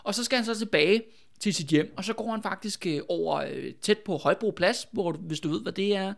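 A man with a high voice, well above the usual male range, leads a relaxed history chat. He tells events as a lively story, peppers his sentences with fillers and little "right?" tags, and bursts into acted-out dialogue. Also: creaky. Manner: animated, many fillers and "ikke?" tags. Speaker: podcast host telling history.

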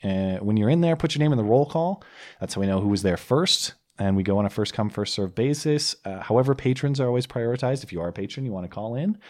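A man's voice: mid-range voice, lively intonation, quick pace, a little mellow. A young man hosting a call-in show, chatting casually with jokes and rambling asides. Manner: joking, rambling, self-mocking. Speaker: host.

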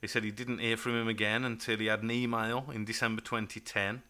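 Bright-voiced man chatting. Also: on the low side, level tone, fast talker. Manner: chatty, stop-start, trails off recalling names. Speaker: podcast host. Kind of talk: casual chat.

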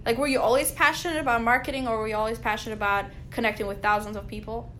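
A woman's voice: on the high side, fairly even intonation, racing, a bit bright, slight background noise. Upbeat Albanian-accented woman host. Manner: upbeat, frequent "like" fillers. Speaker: podcast host. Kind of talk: casual interview hosting.

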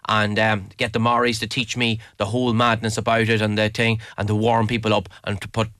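Irish male interview guest, bright and punchy tone, enthusiastic, emphatic, casual delivery, dry sound. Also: fairly low pitch, monotone, a little fast, no room sound. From Leitrim, Ireland. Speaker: interview guest, mountain adventure guide. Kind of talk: casual spoken interview answers.

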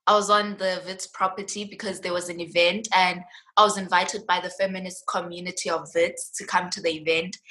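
A woman's voice: mid-range voice, pushed and bright, rough recording. A young woman in her late teens with a South African accent, retelling personal experiences in an emphatic, indignant way. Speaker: student guest. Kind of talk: personal storytelling in conversation.

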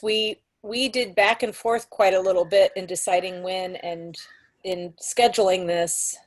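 A woman co-hosting a podcast in casual chat, careful and considerate as she talks. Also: mid-range voice. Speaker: podcast co-host.

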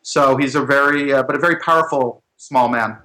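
A man talks quickly and brightly, giving his views as a film critic guest. He speaks in opinionated run-on asides with a bright, pushed tone. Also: medium pitch. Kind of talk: casual chat.

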